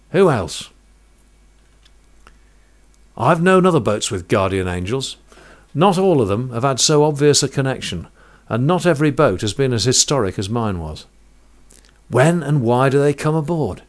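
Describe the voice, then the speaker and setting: A man narrating a first-person sea story in a vivid, measured way, rich with sailing terms. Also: mid-range voice, sing-song.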